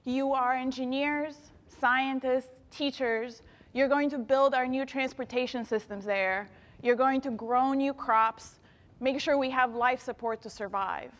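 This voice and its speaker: A Bulgarian woman in her thirties, an engineer and planetary scientist, gives an inspirational talk to young students in an event hall, speaking directly to the audience with enthusiasm. Her voice is high-pitched, unhurried and fairly even in intonation, and the sound has the character of a large hall.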